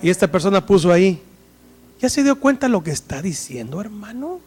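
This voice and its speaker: A male pastor delivering an impassioned sermon, dropping to hushed tones and rising to loud pleading. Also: sits high, big pitch swings, fairly quick, husky. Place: church service.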